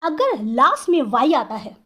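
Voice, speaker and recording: A woman teacher explaining English grammar, asking herself questions and sounding out words slowly, syllable by syllable. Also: high-pitched, very animated, bright, forceful tone. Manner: asks and answers her own questions.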